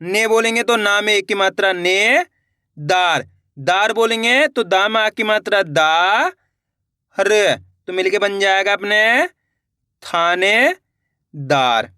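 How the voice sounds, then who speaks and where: A man leads a beginner's spelling lesson in a bright, crisp voice. He poses a question and answers it himself, then drags each word out syllable by syllable. The sound is dry and close, with no room around it. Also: sits high, dry recording. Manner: repetitive, asks and answers his own questions; stretches out words slowly when sounding them out. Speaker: Hindi literacy teacher.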